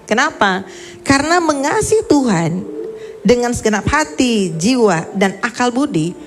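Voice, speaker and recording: Woman pastor, middle-aged, sermon, emphatic, fairly high voice. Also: big pitch swings, unhurried, slight background noise. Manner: emphatic preaching, dropping low and soft for a story, then rising.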